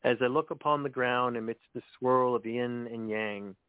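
Over a tinny, dry phone line on a radio show, a man chats casually, laughs easily, and then reads his own poems aloud. He speaks at normal speed with a clean, mid-range voice and fairly even intonation.

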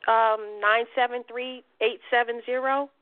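A woman's voice: on the high side, steady tone, a little slow. A woman hosting a call-in talk show, speaking passionately and emphatically and swearing freely. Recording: tinny phone-like line.

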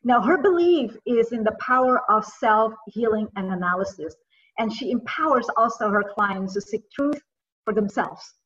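A woman hosting an interview show, introducing her guest and asking questions in an effusive, encouraging way, addressing her as "my dear.". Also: medium pitch. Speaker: talk show host. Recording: distant, dull lo-fi sound.

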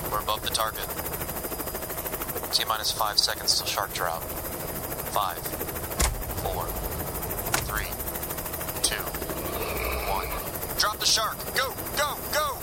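A man's voice: on the low side, huge pitch swings, takes it slowly, long pauses, heavily acted. A man playing a commanding mission controller in the clipped manner of a 1960s space-launch commentator, counting down. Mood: urgent command. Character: male mission controller counting down an aerial drop. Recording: very noisy, helicopter and gunfire effects.

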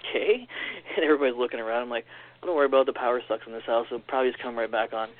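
Fast-talking man on a tinny line. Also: medium pitch, dry recording. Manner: animated, quick storyteller acting out quoted lines. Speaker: podcast guest. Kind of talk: casual storytelling.

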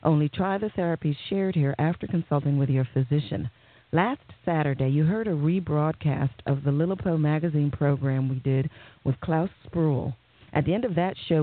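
A woman hosting a talk radio show, reading announcements and news in a measured, formal way. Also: low-pitched. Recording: tinny phone-like narrow band.

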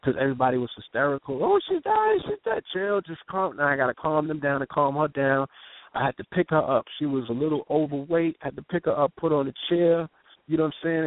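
A man's voice: on the high side, fast talker, no room sound. A man telling an intense eyewitness story in casual street slang, often asking "you know what I'm saying". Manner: intense, vivid eyewitness retelling. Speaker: guest telling a personal story. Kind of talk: raw conversational storytelling. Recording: tinny phone line, dry.

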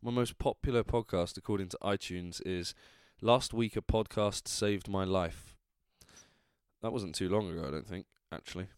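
An Englishman hosts a casual solo podcast while drunk. His voice is fairly low and smooth, recorded close and dry. He rambles, breaking off and restarting his thoughts in a loose, chatty way. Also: normal speed, no room sound. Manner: rambling, trailing off, self-interrupting. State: drunk, tipsy. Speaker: podcast host.

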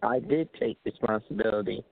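A man's voice: fairly low pitch, fairly quick, creaky. Male radio caller, earnest, heard through thin phone-line audio. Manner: earnest, insists he took responsibility. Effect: tinny phone line.

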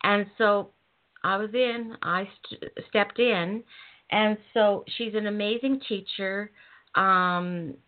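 A woman hosting an interview, introducing her guest warmly and effusively, with lots of ums and restarts. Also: medium pitch, steady tone, slow pace. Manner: gushing, with many ums and restarts. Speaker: host. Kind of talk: casual interview chat. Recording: tinny phone-like line.

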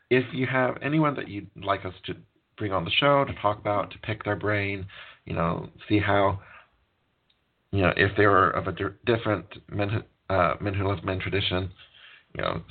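Podcast host, male, low husky voice, loose rambling sign-off, thin phone-like audio. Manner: relaxed, rambling, many fillers. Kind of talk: casual show sign-off.

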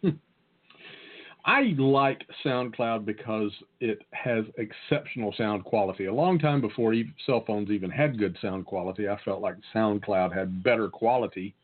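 A podcast co-host from the Southern United States chats casually and shares tech tips in a Southern US accent. His voice is lowish and animated at a normal pace, and the audio is narrow-band and phone-like.

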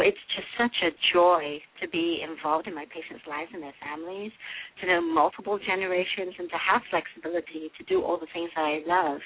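Brief: middle-aged woman, husky, earnest doctor answering questions, tinny phone-line sound. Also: fairly low pitch. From England. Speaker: family physician, interview guest. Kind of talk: interview answers.

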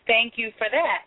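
A woman calling in to a radio show over a phone line, speaking earnestly and encouragingly, with frequent pauses on "um". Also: a little high, dry recording. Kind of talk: promotional call-in pitch. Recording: tinny phone-line call.

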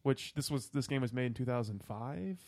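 A young man co-hosting a podcast in a dry, close-miked sound, mid pitch. He walks through the topic with wry, sarcastic asides. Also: expressive, moderate pace, no room sound. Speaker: podcast co-host. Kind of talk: casual podcast chat.

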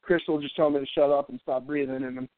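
His mid-range voice stays steady at a quick pace as this New Hampshire man jokily rambles and stammers while hosting a casual radio show. He's congested with a stuffy nose, breathing through his mouth, and a thin mic curled near his face yields a dry, thin, phone-like recording.

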